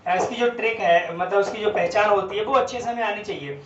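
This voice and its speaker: A male teacher walks through a grammar lesson, spelling out words letter by letter and answering his own questions. His voice sits high, and it comes from some distance off the mic in an echoey room. The sound is dull and lo-fi, with a faint hiss behind it. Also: a little fast, fairly bright tone. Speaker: English teacher.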